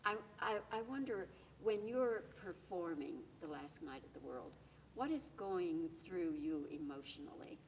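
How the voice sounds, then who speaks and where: Gracious interviewer, heard from a distance. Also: female voice, on the low side, lively intonation, measured pace. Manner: gracious, warmly enthusiastic questions. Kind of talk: TV entertainment interview. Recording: distant mic with faint room noise.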